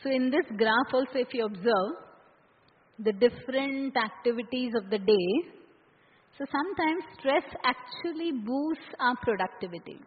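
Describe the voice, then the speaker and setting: Husky Indian woman teaching in a reverberant hall. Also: on the high side, expressive, moderate pace. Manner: engages listeners with frequent check questions. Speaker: workshop trainer. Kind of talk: interactive seminar teaching. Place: large echoey indoor room. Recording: reverberant hall, muffled phone-like sound.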